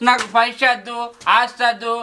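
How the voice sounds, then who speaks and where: A man's voice: extremely high pitch, monotone, a little fast, a little hiss or hum, heavily acted. An actor with a Telangana accent playing a hot-tempered grown son who is a drinker, wailing over his dead mother in a repetitive lament. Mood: wailing grief. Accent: Telangana Telugu. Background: loud background music.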